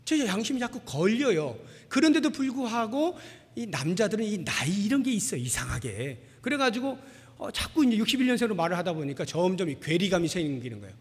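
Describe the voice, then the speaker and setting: A man in his forties gives a sermon as a pastor, his high voice sing-song, a little fast, and edged with breathiness. He tells personal stories conversationally, poking fun at himself, while long reverb from the big church hall trails behind him.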